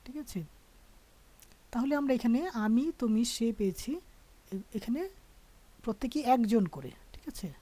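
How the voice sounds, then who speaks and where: Woman language teacher, mellow and higher-pitched, patient, checks in after every point. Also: moderate pace, long pauses. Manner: patient, explains step by step, often asks "all right?". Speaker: French teacher. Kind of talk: teaching a grammar lesson.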